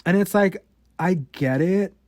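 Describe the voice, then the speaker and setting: A podcast host in his late twenties talks bluntly about his own life, swearing often and stuttering with repeated words and clipped sounds. His voice sits high with a darkish tone, delivered at a measured pace. The recording is dry and studio quality.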